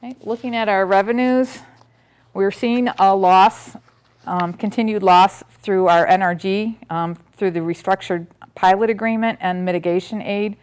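A middle-aged woman stands at a projector screen in a board meeting room, presenting a school district budget to the public and methodically reading figures with frequent ums and restarts. Her medium-pitched voice is smooth and a little mellow. The clip comes from a distant camera recording room audio.

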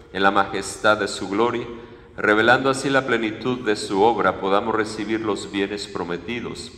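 A male priest leading Mass at the altar, reciting prayers in a measured, solemn way. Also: lowish voice, fairly bright tone. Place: large church sanctuary, at the altar. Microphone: far fixed camera, room mic. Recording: echoey church with long reverb.

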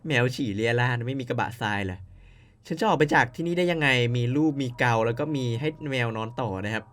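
A man playing a story game, reading its text aloud and dropping in quick puzzled asides to viewers. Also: medium pitch, expressive, fairly bright tone. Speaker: game streamer.

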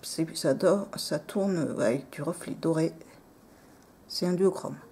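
A woman casually showing off nail polish on camera, soft-spoken and apologetic, often dropping into near-whispers. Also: sits low, takes it slowly, creaky, slight background noise. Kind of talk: casual show-and-tell.

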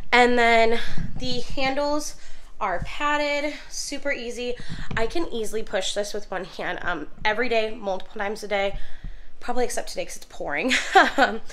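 A young woman with a fairly high, slightly bright voice is recovering from a cold and losing her voice, casually reviewing a stroller for her mom vlog in her home nursery with lots of ums and likes. Faint background noise is audible, and she films first on a handheld phone, then with the camera set on the floor.

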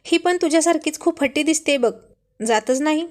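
A woman voicing a playful young husband who calmly teases his wife in a light, joking tone. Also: high-pitched, fairly quick, close to an everyday voice. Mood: amused. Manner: light teasing tone.

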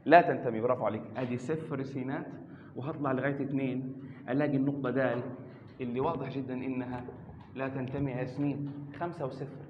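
A man's voice: medium pitch, steady tone, fast talker. An Egyptian man teaches a math class, calling on students by name and asking the same question again and again with patience. His voice rings through a roomy hall with a long echo, and the recording sounds dull and lo-fi, with faint noise behind him.

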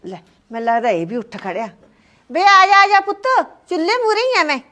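A fretful, sighing mother-in-law in a village short film, played by a woman. She is kindly but worn down, and she speaks in a slightly high voice. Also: lively intonation, brisk, a bit bright.

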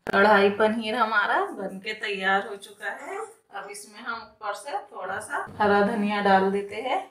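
A woman who hosts a home cooking channel, calmly explaining each step of a recipe as she cooks in her kitchen. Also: medium pitch, measured pace, a crowd in the background. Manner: calm, plain step-by-step explaining with repeated phrases. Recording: echoey kitchen with cooking sizzle. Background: frying sizzle and stirring clicks.

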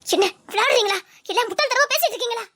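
A frightened young college woman, voiced by a woman, speaking in a very high, quick voice. She sounds torn and anxious throughout. This is emotional audio-drama acting. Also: sharp tone.

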